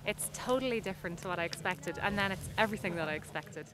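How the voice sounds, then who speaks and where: A woman's voice: fairly low pitch, quick pace, crowd noise. A young woman researcher speaking in an interview with enthusiasm and easy laughter. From Ireland. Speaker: sea ice researcher.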